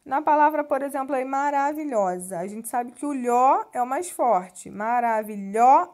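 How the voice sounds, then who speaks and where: A woman's voice: high-pitched, normal speed. A woman teacher with a Brazilian Portuguese accent explains a textbook lesson patiently, often adding little tag questions as she goes. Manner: patient, explanatory, with frequent "né" tags and restarts. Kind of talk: classroom lesson walking through a textbook.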